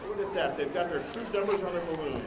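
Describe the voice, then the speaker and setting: A high-pitched American man chats cheerfully as he announces a street parade. His voice echoes outdoors, with a crowd clearly audible around him. The delivery is casual, folksy live commentary. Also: fast, heavy background noise.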